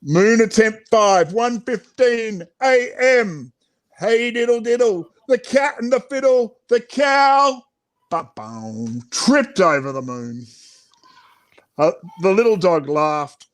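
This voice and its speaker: Reading from his own picture book, this middle-aged Australian children's author chats and performs in a playful, theatrical, animated style. He has a high voice with lively intonation and takes his time.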